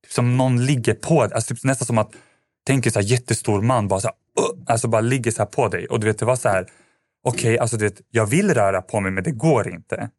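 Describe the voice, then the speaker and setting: A man's voice: medium pitch, darkish tone, dry recording, studio quality. A man, a podcast guest, telling a personal story in a casual, rambling way with lots of fillers and restarts.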